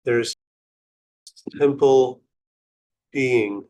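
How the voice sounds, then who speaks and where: Leading a guided meditation, a man speaks short, instructive phrases with long pauses between them, in an unhurried, contemplative manner. His voice is mid-range with a darkish tone.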